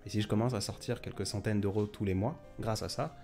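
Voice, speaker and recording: A man with a fairly low voice hosts a casual late-night live stream. He rambles and restarts as he answers viewers. Faint music plays in the background. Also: steady tone, fast talker, a little mellow. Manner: chatty, rambling, many fillers and restarts.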